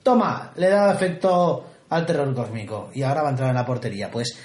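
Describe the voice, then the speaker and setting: A man's voice: medium pitch, brisk, darkish tone. A man from Spain co-hosting a casual film podcast, playful and often searching for words. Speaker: podcast co-host. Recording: echoey room.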